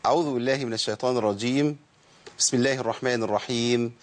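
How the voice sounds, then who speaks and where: A man with an Egyptian accent teaching Quranic recitation rules, explaining casually and chanting verse text slowly. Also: medium pitch, fairly even intonation. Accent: Egyptian Arabic. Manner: switches between colloquial explanation and slow melodic chanting.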